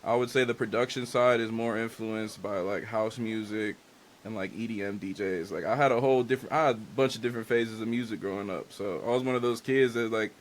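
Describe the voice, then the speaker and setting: A young adult man with a fairly low voice talks fairly quickly on a low-quality recording with a little hiss or hum. Spanish is his first language and his family is Dominican and Haitian; a music artist and engineer, he chats loosely and candidly about his influences in a casual interview, leaning heavily on "like" and slang.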